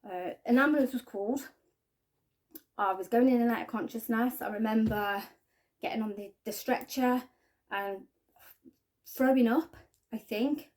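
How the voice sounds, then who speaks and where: A woman giving a halting, earnest personal testimony to camera, often trailing off quietly. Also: a little high. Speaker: spiking victim sharing her story.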